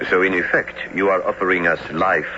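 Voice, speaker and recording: An actor playing a courteous, reasoning professor in a formal, articulate radio drama manner. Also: male voice, low voice, flat delivery, fairly quick, close to an everyday voice. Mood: earnest, protesting. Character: courteous, reasoning professor and narrator, calm-headed. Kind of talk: old-time radio drama acting and narration. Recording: muffled lo-fi radio recording, noisy.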